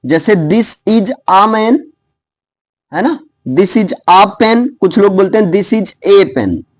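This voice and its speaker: Lively Indian-accented man teaching pronunciation. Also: high voice, no room sound. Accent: Indian English. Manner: spells words out slowly letter by letter, then says them; checks in with the class. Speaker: English teacher. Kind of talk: lively classroom explanation.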